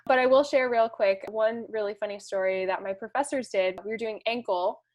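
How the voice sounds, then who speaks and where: A woman in her twenties, a student guest on a podcast, telling stories in a bubbly, animated way and laughing often. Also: medium pitch, fairly quick. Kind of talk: casual podcast chat.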